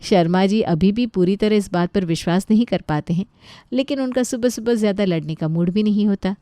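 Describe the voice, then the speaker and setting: A woman narrates an animated children's story in an even, scripted delivery. Her voice sits at a middle pitch and sounds dry and close to the mic. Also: brisk, no room sound.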